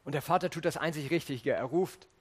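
Earnest preacher with a higher voice. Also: male voice, fairly quick, husky. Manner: earnest, addresses listeners directly. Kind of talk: sermon with Bible reading.

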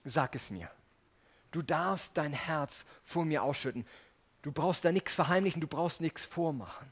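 A man's voice: on the high side, normal speed. A man preaching a sermon, reading scripture and earnestly speaking straight to his listeners. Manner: earnest, addresses listeners directly.

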